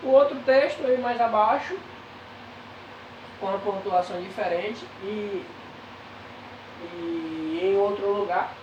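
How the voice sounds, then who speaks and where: Slow Brazilian teacher, echoey room. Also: female voice, medium pitch, far from the mic, dull audio, noisy background. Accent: Brazilian Portuguese. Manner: slow, hesitant, many drawn-out fillers. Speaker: primary school teacher. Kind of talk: recorded remote lesson.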